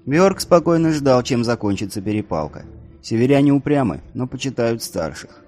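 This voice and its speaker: A man narrates an audiobook steadily and evenly, with a medium-pitched voice at normal speed over soft background music.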